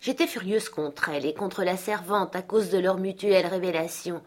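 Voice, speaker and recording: A woman with a fairly low voice narrates a classic novel as an audiobook, telling the story in a measured, even way.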